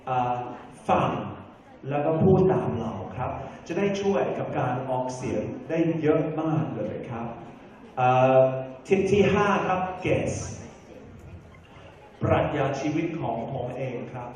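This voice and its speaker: A man giving a lively, jokey stage talk to an audience, mixing in English phrases. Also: mid-range voice, a little slow. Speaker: guest speaker giving tips. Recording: echoey hall from far off.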